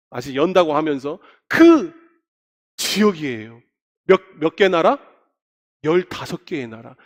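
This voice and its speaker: A man's voice: high voice, a bit bright. A middle-aged male pastor preaching a sermon in a church, talking conversationally and often asking the congregation questions. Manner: asks the congregation frequent questions. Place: church sanctuary. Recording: long reverb of a church sanctuary.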